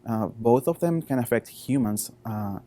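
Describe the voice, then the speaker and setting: A postdoctoral researcher in his thirties talks informally about his work in halting non-native English with a Chilean Spanish accent. His mid-range voice is animated yet mellow.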